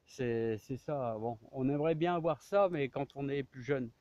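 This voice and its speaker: A man's voice: medium pitch, normal speed, darkish tone, dry recording, muffled recording. A middle-aged man giving a casual, enthusiastic garden tour outdoors, hesitant and rambling, often repeating himself and tacking on little tags. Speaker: amateur orchard owner showing his trees. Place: outdoors in an orchard.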